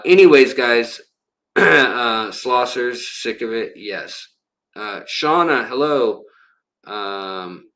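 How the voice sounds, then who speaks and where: A man's voice: lowish voice, fairly bright tone. A man hosting a casual livestream for his aquarium channel, rambling and full of fillers as he chats with viewers.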